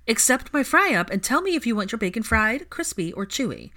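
A brash, teasing young woman, as a woman puts her on for a spoken story. She's loud and bossy, pitched well above the reader's own voice. Her lines swoop up and down. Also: big pitch swings, fairly quick.

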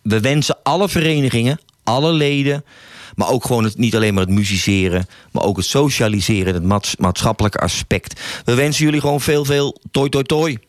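A man's voice: medium pitch, brisk, dry recording, clean studio sound. A middle-aged man hosting a village radio show, talking earnestly and stumbling and restarting now and then. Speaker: local radio host. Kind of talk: casual radio talk and poem reading. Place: small radio studio.

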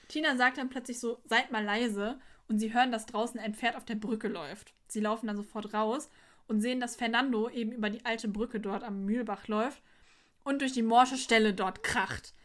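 A woman's voice: on the high side, fairly even intonation, moderate pace. A young woman co-hosting a podcast, chatting casually and retelling scenes with quoted lines and frequent laughter. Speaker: podcast co-host. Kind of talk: casual chat recapping an episode.

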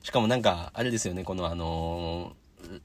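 On his laid-back solo podcast, a young Kansai-accented host talks through his day and performs the voices in his stories. He speaks at a normal speed in a low voice, with no echo.

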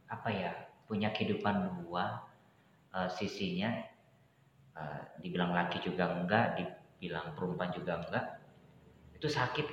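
A man speaking as an interview guest, hesitant with many pauses and restarts, growing lively as he recounts events. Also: deep voice, a little hiss or hum. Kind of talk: candid personal conversation. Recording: echoey room, dull sound.

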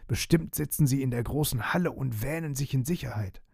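A man's voice: lowish voice, moderate pace, dark tone, breathy edge, dry recording, clean studio sound. A man voicing a confused, vengeful old vampire knight who stammers and speaks in stiff, old-fashioned formality, in a read-aloud storybook. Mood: alarmed. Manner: stammering, archaic formal speech. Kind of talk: storybook reading.

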